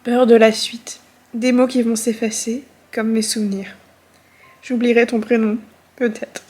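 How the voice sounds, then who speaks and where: A woman's voice: on the high side, little pitch movement, a little slow, a little mellow, slightly rough. A woman reading aloud in the voice of an elderly grandmother who looks back on her life with grief and tenderness. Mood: tender.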